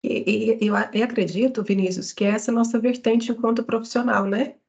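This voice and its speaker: A woman's voice: on the high side, steady tone, fairly quick, creaky, darkish tone, lo-fi sound. Woman lecturing with many tag questions. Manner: explanatory, frequent tag questions. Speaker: psychology lecturer. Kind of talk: online study-group lecture.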